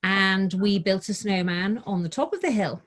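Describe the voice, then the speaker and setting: A middle-aged woman who writes children's books visits as a guest, talking casually with young listeners before reading her picture book aloud. Her voice sits in the mid range and moves at normal speed.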